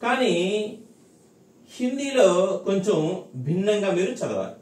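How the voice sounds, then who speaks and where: A man's voice: sits high, big pitch swings, measured pace, a little mellow. A male language teacher giving a recorded lesson, explaining patiently and repeating points, often checking that his students follow. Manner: patient, repetitive explaining with frequent check-ins. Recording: echoey room, mic at a distance.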